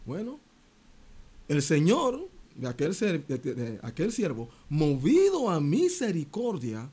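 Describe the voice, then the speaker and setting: A man's voice: a little high, slow, slightly rough. A man preaching a sermon, retelling a parable and asking the listener direct questions. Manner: animated, expressive preaching, retelling a parable with quoted voices.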